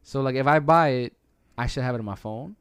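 A man's voice: mid-range voice, a little fast, fairly bright tone, smooth, no room sound. A man hosting a casual podcast chat in slangy, bro-like, colloquial speech. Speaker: podcast host.

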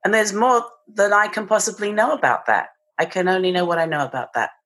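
An Englishwoman with a British accent speaks as a guest on a podcast interview, her medium-pitched, fairly bright voice moving a little fast. She talks reflectively and thoughtfully, searching for her words and restarting mid-phrase.

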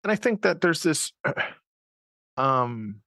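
Male host for a conversational interview: dry close sound, animated delivery, lots of "um" and restarts. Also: on the high side, extremely slow, dry recording. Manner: thinks aloud with many fillers and restarts. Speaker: podcast host.

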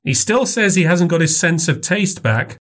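A man voicing a fussy, doting older mother, in a high put-on voice. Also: sing-song, moderate pace, fairly bright tone. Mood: fussing.

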